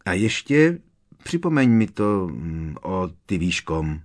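A man's voice: fairly low pitch, sing-song, husky. A man reading aloud, voicing a worried teenage boy wizard who speaks urgently and with emphasis.

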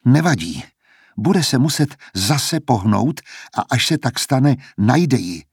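Husky guy reading an audiobook, steady pace, dry close mic. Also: mid-range voice, dry recording. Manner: steady, measured storytelling. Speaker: narrator. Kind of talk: audiobook narration.

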